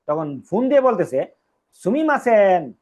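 A man's voice: fairly high pitch, big pitch swings, measured pace, a little mellow, slightly rough. A man teaching a Japanese lesson, explaining step by step and repeating each phrase. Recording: dull lo-fi recording.

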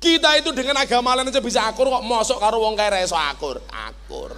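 A man with a Javanese accent preaches to a large gathering in a high, lively voice. He jumps between teasing, joking asides and shouted calls to the crowd. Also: fast talker, in a large hall, a little hiss or hum. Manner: animated, mixing joking asides with shouted exhortations. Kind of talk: religious sermon to a large gathering.

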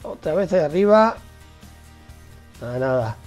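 A man giving casual, excitable commentary as he plays a video game, repeating words again and again. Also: on the high side, measured pace, faint music behind. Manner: excitable, repeats words over and over while playing. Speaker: gameplay commentator.

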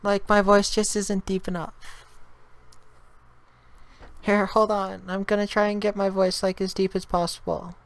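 A man's voice: high-pitched, flat delivery, measured pace, long pauses, clear, resonant tone, no echo, pitched above the performer's own voice. A man putting on the voice of a chatty young woman who rambles with lots of "like" on a prank video chat. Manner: filler-heavy, rambling, lots of "like". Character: chatty young woman, valley-girl talk.

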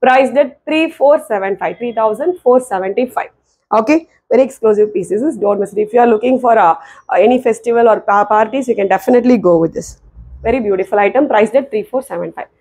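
A middle-aged woman with a Tamil accent shows off merchandise in an informal, emphatic sales patter. Her voice is fairly high and somewhat husky, and she races along very quickly, repeating herself and switching between languages. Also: mellow. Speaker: clothing seller presenting products. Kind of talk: informal product showcase, mixing languages. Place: small tiled indoor room. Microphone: clip-on lapel mic.

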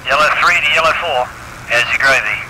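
A man's voice: on the high side, a little fast, voice pushed up. A man voicing a wartime fighter pilot making clipped radio calls, heard as a crackly AM radio transmission. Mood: brisk. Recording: radio static, heavy noise.

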